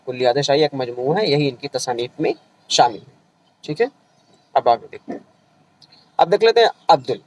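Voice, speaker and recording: A man with a fairly high voice teaches an exam-revision class, going over each point more than once. His delivery is patient and methodical. He checks in with his students often to make sure they are keeping up. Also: a little mellow, no room sound, low-quality recording. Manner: explains patiently, repeats points, often checks with "theek hai". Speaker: Urdu exam-prep teacher. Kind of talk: online revision lecture.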